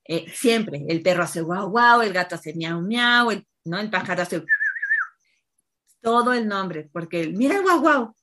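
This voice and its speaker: A woman's voice: lowish voice, measured pace. A woman, a guest expert on child language, giving casual advice and acting out what parents and children say. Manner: expressive, acts out parent and child lines.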